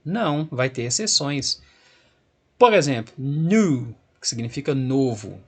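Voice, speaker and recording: Husky-voiced man teaching grammar patiently. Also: medium pitch, animated, slow pace. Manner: patient, checks in with rising "ok?". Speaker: English teacher. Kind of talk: explaining grammar at a board.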